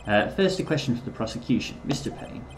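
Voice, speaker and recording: A man's voice: mid-range voice, animated, heavy background noise, close to an everyday voice. Man reading as a formal courtroom judge. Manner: formal, measured questioning. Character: stern older male judge.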